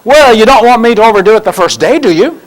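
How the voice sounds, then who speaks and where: A fretful cartoon boy with a high, eager, swooping voice, as a man reads him out. He sounds anxious and keen to please, and his pitch jumps around. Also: lively intonation, fast talker, poor audio.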